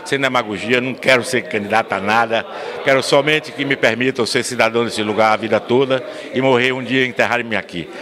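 Older man, 60s, fast and expansive storyteller, crowd noise around. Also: mid-range voice, steady tone. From São Miguel das Matas, Bahia, Brazil. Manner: earnest storyteller, expansive, restarts words. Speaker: interview guest, local historian. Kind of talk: recorded interview. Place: municipal council chamber, indoors. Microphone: handheld mic held by interviewer.

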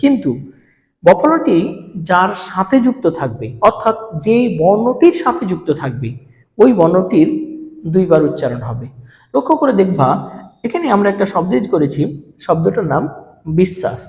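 A man's voice: high voice, very animated, normal speed, long pauses, darkish tone. A man teaching a grammar lesson to students. He asks questions and answers them himself. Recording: echoey room with long reverb.

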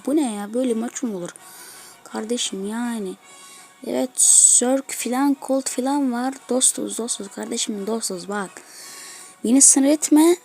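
A woman giving excitable gameplay commentary as a gaming video host, trash-talking opponents as she plays. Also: a little high. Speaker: gaming YouTuber.

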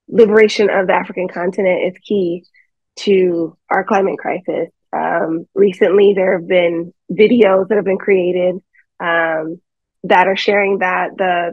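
Woman, young adult, organizer, halting, filler-heavy, low voice, dull dry call audio. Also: creaky, breathy edge, dry recording. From United States. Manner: halting, many fillers and restarts. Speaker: organizer speaking on a webinar. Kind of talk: unscripted panel remarks. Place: home, seated by a staircase. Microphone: phone or laptop on a video call.

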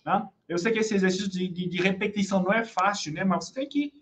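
Here a Brazilian woman, her accent Brazilian Portuguese, runs an online French lesson at a quick pace in a medium-pitched voice. She patiently repeats phrases and checks in with the students again and again.

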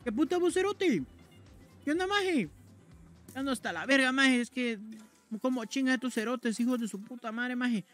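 A crude Guatemalan man , as a streamer puts him on, spits out a stream of slangy curses in a put-on Guatemalan accent. The voice sits noticeably high and loud. Faint game music plays underneath. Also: animated, moderate pace. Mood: mocking. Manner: swears constantly, loud slangy banter.

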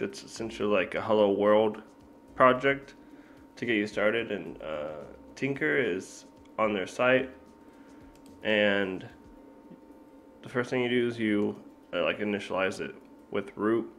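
A man walks through a coding tutorial in an easygoing, unhurried way, often pausing on fillers and correcting himself mid-sentence. His voice sits fairly low, and faint keyboard typing can be heard behind him. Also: a bit bright, a little hiss or hum. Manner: laid-back, filler-heavy, thinking aloud with self-corrections. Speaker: programming tutor. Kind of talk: casual screen-recorded coding tutorial.

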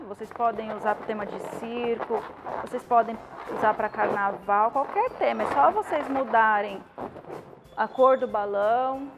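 A woman's voice: fairly high pitch, low-quality recording. A Brazilian woman in her thirties gives an informal hands-on tutorial, often adding short checking questions. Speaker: balloon decoration instructor. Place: indoor studio with balloon wall. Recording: music playing under the voice. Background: clear background music.

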